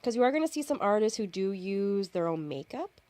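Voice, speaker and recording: A woman's voice: medium pitch, lively intonation, a little fast, dark tone, no echo. A woman narrating her own face-paint tutorial in a chatty, informal way, often correcting herself and using fillers. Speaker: makeup artist. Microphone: camera and phone.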